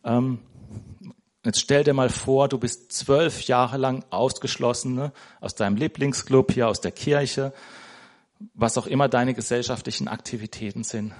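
This lay preacher's voice is mid-range with fairly even intonation and a measured pace. Preaching informally in a church, he speaks conversationally, gropes for words, and closes most sentences with a questioning "ne?".

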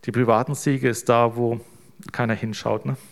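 A man's voice: medium pitch, little pitch movement, moderate pace. A man preaching an informal sermon as pastor, in a loose, conversational way that keeps checking in with the listeners. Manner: casual, tags sentences with "ne?".

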